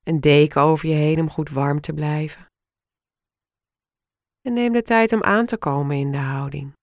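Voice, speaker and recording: A woman leading a guided relaxation as an instructor, giving short, soothing instructions in a calm, unhurried manner. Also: sits low, no room sound, clean studio sound.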